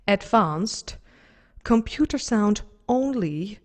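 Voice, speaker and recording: A woman vocal coach guides a group through a warm-up on a video call, her instructions calm, gentle and unhurried. She speaks into a studio microphone and turns chatty and self-deprecating when the tech comes up. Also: medium pitch. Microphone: studio microphone through an audio interface on a video call.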